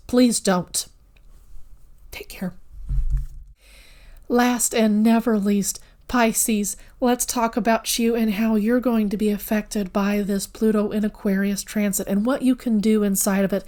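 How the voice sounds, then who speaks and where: A tarot reader gives a casual spoken reading, addressing the viewer directly in an earnest, rambling way and correcting herself. Her mid-range voice is steady, unhurried and a little mellow.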